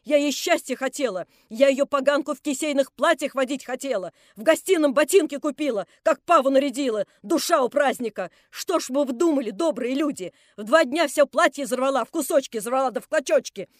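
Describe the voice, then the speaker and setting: A woman's voice: high-pitched, lively intonation, fairly quick, hardly any pauses, no echo, clean studio sound. A woman reading an audiobook, voicing a drunk, vicious older landlady who rants, scolds and wails in self-pity. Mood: bitter ranting.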